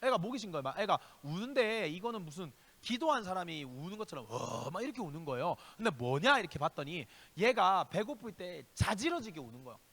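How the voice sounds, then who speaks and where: High-voiced impassioned male preacher. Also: sing-song, quick pace, few pauses, long reverb tail. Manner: impassioned preaching, shifting between loud exhortation and hushed asides; speaks directly to listeners with rhetorical questions. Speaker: youth pastor. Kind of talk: youth sermon. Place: church sanctuary.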